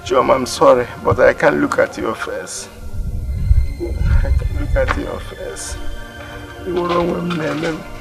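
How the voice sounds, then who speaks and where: A man's voice: on the high side, a little slow, long pauses, music in the background. A man with a Nigerian accent playing an ashamed young husband who pleads with his wife in a film. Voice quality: gravelly, pleading.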